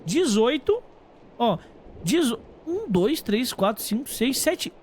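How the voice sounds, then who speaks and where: Talking to his live chat while he plays, a Brazilian game streamer muses aloud in loose, slangy commentary. He has an extremely high, very animated voice but speaks at a slow pace.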